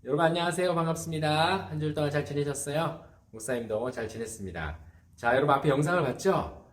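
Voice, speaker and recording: A man's voice: fairly high pitch, fast talker. A man, a pastor, giving a children's sermon, asking the kids questions and telling the story dramatically.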